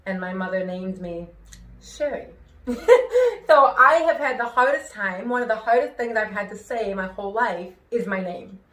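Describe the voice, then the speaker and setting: Recorded in an echoey room, a New York singer and show host speaks at a normal speed in a mid-range voice. Her hearing-impaired speech distorts r sounds toward a w or a rolled r. She gives a personal, conversational talk with careful pronunciation, practiced inflection, and an expressive, emphatic manner.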